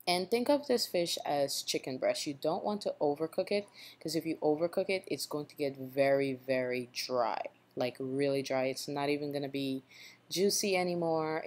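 Low-voiced woman teaching a cooking recipe. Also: a little mellow. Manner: instructive, repeats tips with a checking "okay?". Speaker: cooking channel host. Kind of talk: cooking tutorial voice-over.

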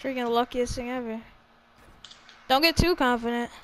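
A woman gaming in a casual 1v1 voice chat, excitable and trash-talking, then mocking herself. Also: on the high side, slight background noise, poor audio. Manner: excitable, trash-talking, quick to self-mock. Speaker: gamer playing a 1v1 match.

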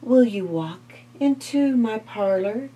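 Woman reading a cunning male spider, slow and honeyed, with a breathy voice. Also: a little high, expressive, mellow, voice pushed up, full character voice, low-quality recording. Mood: coaxing. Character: cunning male spider, smooth sweet-talker. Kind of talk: storybook read-aloud.

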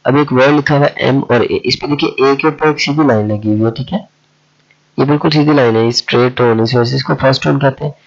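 A man who teaches a language lesson, talking slowly and repeating himself with many fillers. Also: mid-range voice, creaky. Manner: slow and repetitive, with many fillers. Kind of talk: explaining a lesson. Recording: dull lo-fi audio.

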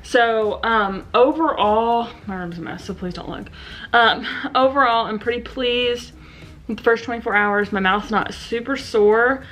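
A woman's voice: on the high side, normal speed, fairly bright tone, slight background noise. Young woman vlogging from her bedroom, chatty w lots of ums, slight lisp on her s sounds. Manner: chatty, many ums and likes. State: slight lisp from new aligners. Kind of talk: casual vlog talking to camera. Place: bedroom at home. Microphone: camera set down in front of her.

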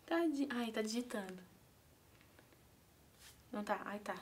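A woman's voice: fairly high pitch, animated, a little slow, a little hiss or hum. A young woman with a Brazilian accent chatting nervously and giggling through a prank video. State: anxious. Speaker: YouTuber pranking her mother. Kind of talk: casual prank vlog chat.

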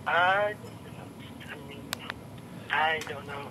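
A man's voice: a little high, takes it slowly, sharp tone. A man answering a work phone call as a store employee, polite and hesitant in a casual way. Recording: phone speakerphone, busy background chatter.

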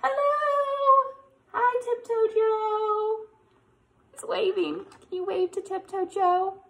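This American woman in her thirties has a very high-pitched voice and takes her time. Running a preschool lesson with a picture-book read-aloud, she talks to young kids in an animated, exaggerated, encouraging way and keeps asking them questions.

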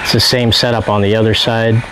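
A man in his thirties hosts a casual walkthrough vlog outdoors, showing viewers a boat on a trailer in a driveway while talking with relaxed fillers and pointing things out. His voice is on the low side and a little fast, recorded on a handheld camera he carries around after earlier having it on a tripod, with some background noise.

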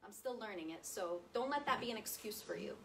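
Seated at a table in a meeting room with a projector screen, a thirtysomething woman shares a personal testimony as a guest speaker, chatting conversationally and frequently checking in with listeners. Her mid-range voice is expressive, fairly quick, creaky and a bit bright. Recorded by a far camera, the sound is distant and roomy, with slight background noise.

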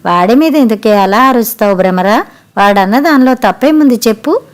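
A woman's voice: a little high, expressive, fairly quick, lightly acted. Woman voicing an annoyed middle-aged uncle. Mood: protesting. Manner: annoyed, protesting. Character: middle-aged uncle, firm but reasonable.

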